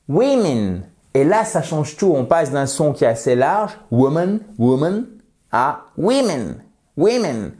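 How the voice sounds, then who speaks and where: A French-speaking man teaching an English grammar lesson, slowly and emphatically repeating example words with playful asides. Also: mid-range voice, a little mellow. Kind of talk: lesson explaining grammar and pronunciation.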